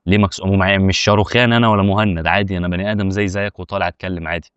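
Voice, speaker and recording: A man with an Egyptian Arabic accent hosting a casual explainer, talking fast and arguing back at objections he imagines from his viewers. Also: sits low, steady tone, a bit bright, clear, resonant tone, dry recording, dull audio. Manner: rapid, chatty, argues with imagined viewer objections. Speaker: YouTube tutorial host. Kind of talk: casual direct-to-camera explainer.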